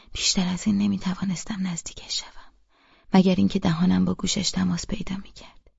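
A woman reading a novel aloud in first person, in a hushed, half-whispered voice. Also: fairly low pitch, creaky, slightly rough, no room sound, lo-fi sound. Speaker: audiobook narrator.

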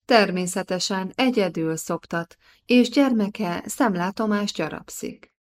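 A woman's voice: mid-range voice, lightly acted. A woman reading an audiobook, voicing a bossy, scornful middle-aged noblewoman who talks down to a young mother. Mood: gossiping. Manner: scolding, haughty.

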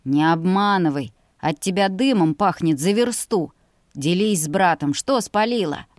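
A woman's voice: lowish voice, unhurried, dry recording, studio quality, close to an everyday voice. Woman doing a grumpy young brother. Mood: prying. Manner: grumbling, sulky.

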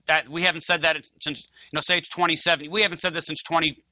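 A man hosting a casual discussion show, musing in a halting way and saying "like" a lot. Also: a little high, flat delivery, bright, forceful tone, dry recording. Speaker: host.

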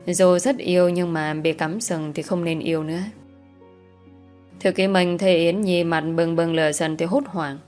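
A woman with a fairly low voice narrates a romance story at an even, unhurried storytelling pace. Soft music plays faintly underneath her reading. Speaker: audiobook narrator.

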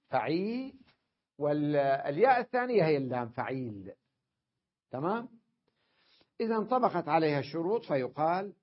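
A man with a mid-range, slightly breathy voice teaches Arabic grammar in a classroom. He explains patiently and checks in with his students again and again, all on a dull, lo-fi lecture recording.

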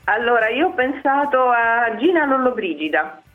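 A woman speaks over a narrow, tinny phone line with faint music behind. She explains herself carefully, pausing hesitantly as a radio caller. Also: a little high, big pitch swings.

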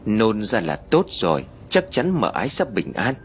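A man's voice: on the low side, wildly swooping pitch, normal speed, slight background noise. A man voicing a stern, boastful male exorcist who barks orders. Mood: commanding. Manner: commanding, boastful. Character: stern arrogant male exorcist master, middle-aged.

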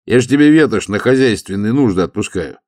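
A man's voice: fairly low pitch, lively intonation, fairly quick, darkish tone, no room sound, clean studio sound, pitched above the performer's own voice, natural voice. A man doing a pompous, preachy monk. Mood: instructive. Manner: instructive, declaiming, churchy. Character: sturdy male monk about forty, pompous and officious.

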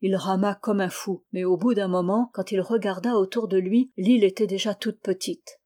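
Woman narrating an old novel, steady measured reading, mid pitch. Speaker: audiobook reader. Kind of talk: literary audiobook narration.

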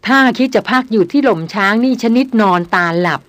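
A woman's voice: a little high, brisk, dry recording, lightly acted. A woman reading the lines of a young man who playfully ribs his friend.

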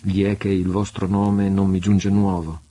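A man voicing a proud, fierce pirate prince who speaks with a low, muffled intensity. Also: completely flat delivery, unhurried, mellow. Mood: intense.

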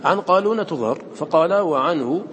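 A male teacher runs a classroom lesson, speaking rapidly in an expressive, dark-toned voice that sits somewhat high. He quizzes his students and slows way down to draw out each quoted line of verse. The sound is big and roomy, with faint room noise behind him.

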